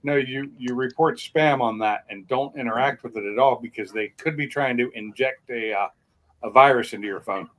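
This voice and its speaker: A man's voice: medium pitch, moderate pace, a bit bright, rough recording. A man in a casual live-stream chat, giving earnest, matter-of-fact advice.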